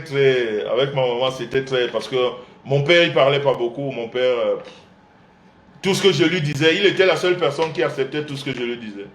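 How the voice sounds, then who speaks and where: A man host of a live couples show, telling a family story with animated voices and frequent laughter. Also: medium pitch, reverberant. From Central Africa. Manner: acts out his mother's and father's voices, laughing often. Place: indoor room, livestream.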